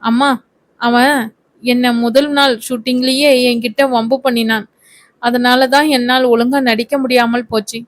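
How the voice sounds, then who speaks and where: A woman reading the part of a quick-tempered young actress who complains and argues with her mother. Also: a little high, little pitch movement, no echo, natural voice. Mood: complaining. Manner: indignant, complaining.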